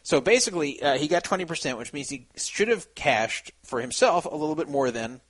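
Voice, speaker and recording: A man's voice: a little high, animated, a little fast, low-quality recording. A man hosting a casual podcast chat, rambling with many restarts and fillers. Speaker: podcast host.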